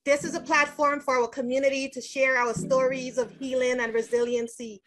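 A woman's voice: high-pitched, level tone, normal speed. A woman hosting a podcast, welcoming and interviewing her guest in an effusive, gushing way with frequent "um" and "so". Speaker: podcast host.

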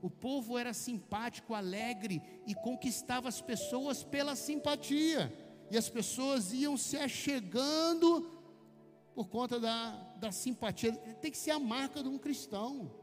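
A man's voice: very high voice, a little slow. A man with a Brazilian accent preaching a conversational sermon, telling chatty personal stories and calling his listeners brother. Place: church hall. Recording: long hall reverb with faint music.

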